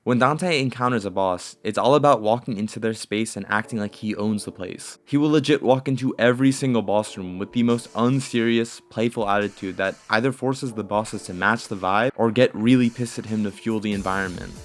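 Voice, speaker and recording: A man's voice: on the low side, fairly quick, hardly any pauses. A man giving scripted video game commentary as an essayist, in a casual, profane manner. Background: music.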